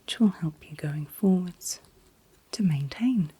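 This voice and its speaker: A woman doing a whispered role-play as a calm dentist, speaking in a breathy whisper with gentle, reassuring, unhurried instructions. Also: lowish voice. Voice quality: breathy, mostly unvoiced whisper. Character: calm, attentive dentist soothing a patient. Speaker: ASMR performer playing a dentist.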